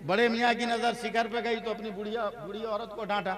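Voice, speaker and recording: A male preacher spins a sermon story with dramatic flair before a gathering. His voice sits very high, bright and cutting. It echoes through a roomy hall. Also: fairly even intonation, brisk. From India. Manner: dramatic, rising to impassioned cries. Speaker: Islamic preacher. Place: religious gathering with audience.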